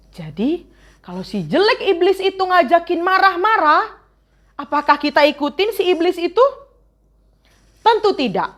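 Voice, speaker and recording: A woman teaching a children's Bible lesson, telling the story with animated exclamations and playful voices. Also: high voice. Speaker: Sunday school teacher. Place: church online children's service.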